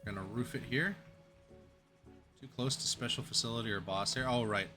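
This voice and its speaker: A man's voice: medium pitch, a little fast, over music. A young man streaming a game, chatting casually and telling a long joke in a rambling way with restarts and chuckles.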